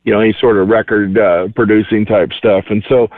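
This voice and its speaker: A man's voice: fairly low pitch, steady tone, a little fast, no echo. A man speaking over the phone as a market analyst guest, rambling in a folksy way with many fillers. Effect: heard over the phone. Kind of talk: casual market commentary. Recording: tinny dry phone line.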